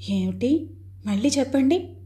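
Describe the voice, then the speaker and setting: A woman's voice: fairly high pitch, normal speed, dark tone, natural voice. Woman voicing an anxious young wife. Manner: anxious, questioning. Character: anxious young married woman, pleading then pressing.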